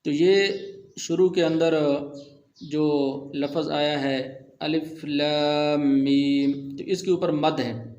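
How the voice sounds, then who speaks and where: A man's voice: on the high side, steady tone, darkish tone. Muffled man teaching recitation. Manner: explains plainly, then slowly chants example verses. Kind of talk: tajweed lesson explaining and chanting verses. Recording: dull, muffled audio.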